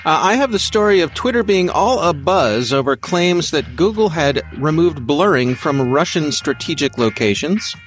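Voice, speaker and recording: A man's voice: fairly high pitch, lively intonation, normal speed, hardly any pauses, soft background music. An American man, a guest on a podcast, chatting in a jovial, easygoing way. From United States. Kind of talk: casual podcast banter.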